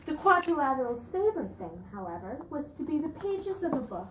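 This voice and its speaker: A woman's voice: high voice, very animated, a little fast. A woman narrating a children's storybook aloud as a dramatic reading. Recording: echoey room, distant mic, noisy.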